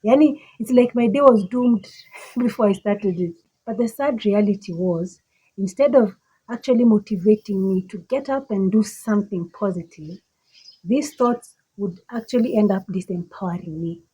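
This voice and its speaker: Poor audio carries a slightly husky, mid-range female voice with a Kenyan accent. As a motivational speaker, she repeats phrases for effect in an emphatic, measured monologue.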